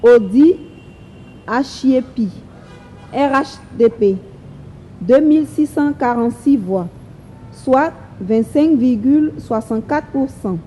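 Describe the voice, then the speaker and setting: A woman reads out official election results in a formal, deliberate way. Her voice sits fairly high yet sounds mellow and soft-edged. She takes her time, spacing out each name and number very slowly. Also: animated, a little hiss or hum, rough recording. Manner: slow, measured, reads each figure deliberately.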